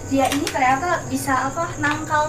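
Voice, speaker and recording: Woman w high voice on a night ghost hunt vlog, halting talk, far from mic with bugs chirping. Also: steady tone. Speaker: spirit-sensing guest on a ghost hunt. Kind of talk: casual night vlog chat. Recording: echoey, distant, noisy night recording. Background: crickets, insects, animal sounds.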